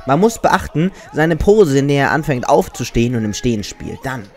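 A man's voice: mid-range voice, sing-song, normal speed. A man hosting and narrating a countdown in a scripted style. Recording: music behind the voice. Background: music.

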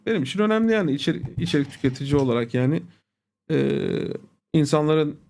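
A man's voice: high-pitched, a little mellow. A man streaming live, ranting casually to his viewers, blunt, profane and irritated. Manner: addresses viewers familiarly as "abi" and "agalar". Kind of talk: casual livestream rant.

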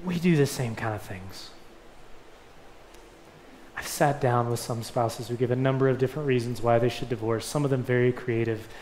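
A man's voice: mid-range voice, normal speed, a little mellow, a little hiss or hum. A young man preaching a sermon in a church, earnest and emphatic, his voice swelling on key points. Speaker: pastor. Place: church sanctuary. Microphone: lectern mic. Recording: echoey church room.

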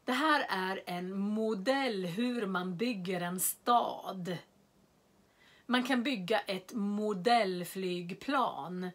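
A woman teaching a beginners' language lesson, speaking slowly and clearly and repeating single words to model their pronunciation. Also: medium pitch. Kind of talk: slow, carefully enunciated lesson for beginners.

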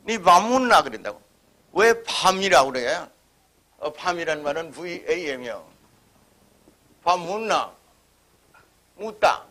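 A man's voice: high voice, sharp tone. A man giving a history lecture at a forum, speaking emphatically and imitating regional dialect phrases as examples.

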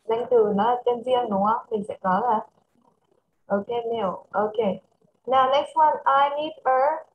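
A woman with a Vietnamese accent teaching English to a child over a video call, switching between English and Vietnamese and reading English phrases slowly. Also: a little high, fairly even intonation, phone-quality sound, slight background noise. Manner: mixes English and Vietnamese, slow careful English. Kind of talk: online English lesson for a child.

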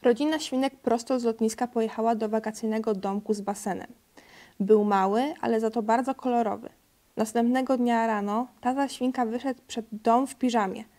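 A woman with a fairly high voice reads a children's picture book aloud. Her reading is steady and clear, with a small stumble over a word now and then. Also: normal speed. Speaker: storybook reader.

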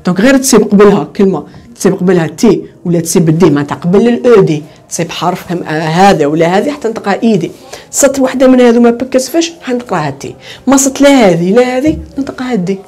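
A woman's voice: mid-range voice, expressive, rapid-fire, warm tone, husky. A woman with an Algerian Arabic accent teaching an online English lesson. She asks questions, answers them herself, and repeats the key words. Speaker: English tutor.

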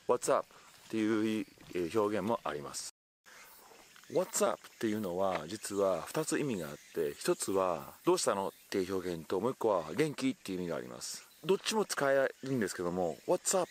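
A man with a lowish voice teaches a casual lesson outdoors, his intonation swinging widely as he drops into sample English phrases. Insects chirp faintly behind him. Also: slight background noise. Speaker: English teacher on a video channel. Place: outdoors in hot weather.

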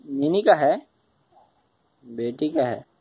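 A man's voice: a little high, expressive, very slow, mellow, breathy edge. A man with a Chhattisgarhi Hindi accent playing at home with his small daughter, teasing her in a casual, playful way. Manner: teasing, with mock cries of pain. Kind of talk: casual playful talk with a toddler.

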